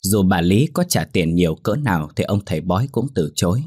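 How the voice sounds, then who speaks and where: A man narrating a ghost story in a steady, unhurried telling. His voice is very deep and husky, recorded dry and close with no room sound. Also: dry recording.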